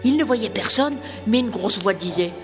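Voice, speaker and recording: Woman storyteller, lively melodic reading, reverberant with soft music under it. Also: medium pitch, moderate pace. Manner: expressive, animated.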